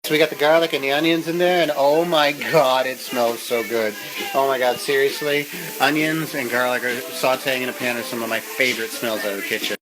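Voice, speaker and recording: A chatty home cook with a fairly high-set voice talks through a casual cooking demonstration. The delivery is informal and loose with the odd curse. Music plays behind, along with the sizzle of frying food. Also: fairly even intonation, fairly quick, low-quality recording. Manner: chatty, casual, mildly profane.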